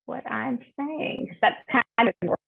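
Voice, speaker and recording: A woman walks a webinar audience through a software demo, halting now and then with fillers. Her voice has a gravelly, husky edge. It comes through a tinny, phone-like line that is garbled and breaking up. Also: a little high, no room sound. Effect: garbled, breaking-up call audio. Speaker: software presenter.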